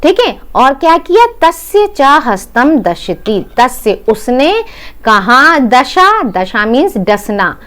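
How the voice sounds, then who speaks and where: A woman's voice: high voice, very animated, slow pace, fairly bright tone. A woman teacher explaining a Sanskrit lesson in Hindi, going word by word, repeating each meaning and checking in with her students. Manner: addresses students as "बेटा".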